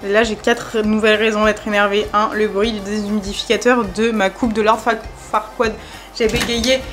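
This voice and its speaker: A woman's voice: mid-range voice, flat delivery, moderate pace. Chatty young woman vlogging at home. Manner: frank, self-mocking, lots of fillers. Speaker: lifestyle vlogger. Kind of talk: candid chatty vlog talk. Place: at home in her kitchen.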